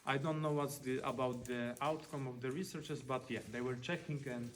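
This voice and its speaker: A man's voice: mid-range voice, steady tone, normal speed. A man who is a non-native English speaker, working as a cave tour guide and explaining things informally with dry joking asides. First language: not English. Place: inside a cave. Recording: noisy on-location recording with clicks.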